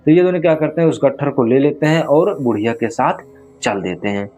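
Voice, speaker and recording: A man's voice: mid-range voice, expressive, fairly quick, mellow, faint music behind. Man telling a horror story casually. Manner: conversational, addresses listener directly. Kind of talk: casual spoken horror narration.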